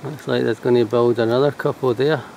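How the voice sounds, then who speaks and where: A Scottish man talks in a mellow, relaxed voice at a middling pitch. He narrates his walk casually, musing to himself in a low-key way. It is recorded outdoors with faint ambient noise behind him. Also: fairly quick, creaky, poor audio. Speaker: walking vlogger. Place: outdoors on a walking trail.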